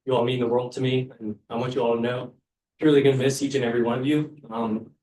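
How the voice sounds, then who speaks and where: A man's voice: mid-range voice, little pitch movement, fast, darkish tone. A man in his twenties giving a short, plain thank-you speech to his team. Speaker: senior athlete giving a speech. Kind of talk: brief farewell speech. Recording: roomy, from a distance.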